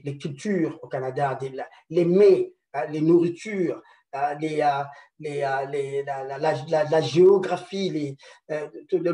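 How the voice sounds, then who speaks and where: A man delivers a conference talk in a slightly raised voice, stumbling over repeated small words and filling pauses as he searches for the next phrase. He keeps reaching out to the audience with rhetorical check-ins. The sound is echoey and picked up from some distance away. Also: a little high, a little mellow. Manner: hesitant, many repeated words and fillers; rhetorical "n'est-ce pas" tags. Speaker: conference speaker. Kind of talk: presentation lecture.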